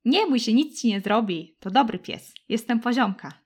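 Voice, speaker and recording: A woman voicing a small, scrappy red-haired girl in an audiobook, high and excitable. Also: moderate pace, breathy edge. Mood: reassuring. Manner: high, excitable and tearful when upset. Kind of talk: audiobook character voice.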